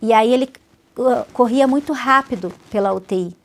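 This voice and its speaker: A woman pastor sharing a personal testimony as a guest in an interview, telling it vividly and acting out what others said in a softer voice. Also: a little high, moderate pace. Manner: vivid storyteller, acts out others' words softly.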